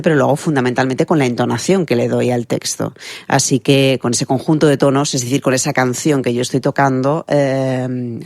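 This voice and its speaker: A woman voice expert from Spain, explaining her method in a lively, teacherly way during a remote interview. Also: very deep voice, no echo, studio quality. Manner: didactic, lively, builds explanations with analogies. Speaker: guest voice expert.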